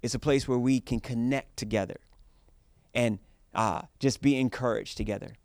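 A male pastor addresses his church in an informal, encouraging manner. His pitch sits in the middle range for a man. He sounds earnest, and the recording is dry, with hardly any room sound. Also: normal speed, gravelly, darkish tone, no room sound. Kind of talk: church address, prayer and announcements.

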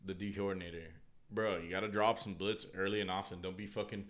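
A man's voice: low voice, flat delivery, fast talker, a bit bright. A man co-hosting a casual sports podcast with slangy, profane frat-bro talk. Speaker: podcast co-host.

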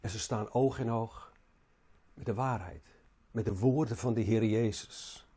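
Husky, mellow preacher. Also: male voice, fairly low pitch. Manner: halting, repeats words, rises and falls in emphasis. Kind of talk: sermon.

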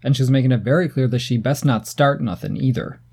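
This podcast co-host, a man in his thirties, has a mid-range voice that is creaky with a breathy edge, and he talks at a quick pace. In the casual chat he spins animated stories, playful and irreverent.

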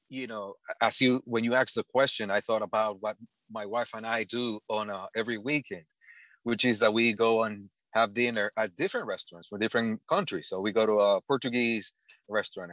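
A man's voice: fairly low pitch, a bit bright, no room sound. Earnest middle-aged Dominican man. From Dominican Republic. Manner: earnest, halting, with frequent restarts. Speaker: panel guest. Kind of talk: casual conversation.

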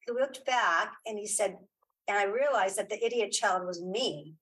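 A woman with a mid-range voice, a little bright and slightly rough, talks at a normal speed on a rough recording. She's a podcaster and audio drama creator appearing as an interview guest, chatting casually in an emphatic, encouraging way and repeating phrases to drive her point home.

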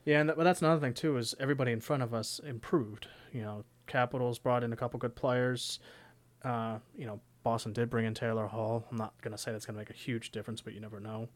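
A man's voice: medium pitch, fairly even intonation, fast talker. A young man co-hosting a sports podcast, talking casually and rambling with lots of "you know". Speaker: podcast co-host.

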